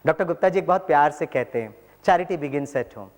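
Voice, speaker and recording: A high-pitched man from Tamil Nadu gives a motivational spiritual talk in a large hall, and his voice rings with a long reverb. He tells stories with lively energy, acting out each exchange as he goes. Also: normal speed. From Tamil Nadu, India. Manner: animated storytelling, mixing Hindi and English, acting out dialogue. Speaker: spiritual talk speaker, engineering professor. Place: large hall before an audience.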